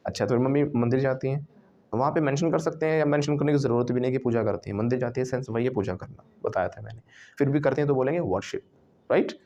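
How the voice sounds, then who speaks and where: A man with a dark-toned, mid-range voice speaks fast while teaching English in Hindi mixed with English. He quizzes the class and has the students repeat words back, and the recording is muffled.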